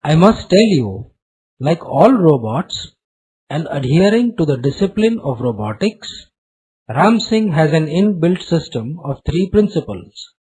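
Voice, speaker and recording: A man doing a raspy, slick robot salesman. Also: sing-song, a little slow, darkish tone, heavily acted, poor audio. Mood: smooth selling. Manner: slick, sales-pitch delivery like a recorded program. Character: short, narrow-eyed smooth-selling male salesman.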